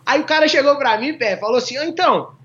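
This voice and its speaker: A man's voice: very high-pitched, fast talker, fairly bright tone. A man from a small town in Minas Gerais, a guest telling funny stories casually and laughing often. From small town in Minas Gerais, Brazil. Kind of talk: casual storytelling. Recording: dull lo-fi sound.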